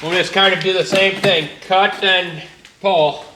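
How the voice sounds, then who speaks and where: In an echoey garage with a bit of faint noise, a man with a high voice talks about working on his old truck. His tone stays steady and unhurried, and as a garage vlogger he keeps it laid-back, plainspoken, and peppered with casual swearing.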